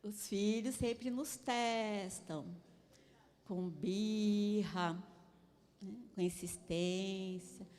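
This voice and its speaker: With a Brazilian Portuguese accent and a mid-range, slightly mellow voice, a woman draws out her words during a conversational sermon on parenting. She's chatty, laughing frequently, sharing personal stories and seeking her listeners' agreement, with big-room sound around her.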